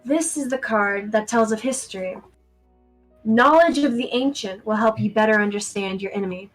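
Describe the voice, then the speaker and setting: A woman voicing a solemn, mystical fortune-teller in a tabletop game, speaking slowly and theatrically of destinies. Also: on the high side, soft background music, lightly acted, rough recording. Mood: ominous. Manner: slow, portentous, theatrical. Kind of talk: tabletop role-play acting.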